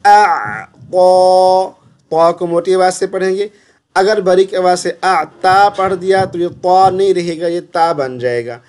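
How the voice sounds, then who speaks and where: A man's voice: high voice, normal speed. A man teaching Quran recitation in speech, patiently drawing out syllables and repeating them to correct mistakes. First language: Urdu. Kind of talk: slow tajweed lesson with drawn-out recitation.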